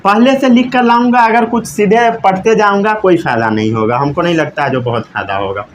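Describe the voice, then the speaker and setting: A young man teaching a class, asking questions, repeating the answers and dictating key lines slowly word by word. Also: high-pitched, slight background noise. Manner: asks students questions, repeats answers, mixes English terms. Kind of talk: classroom lecture.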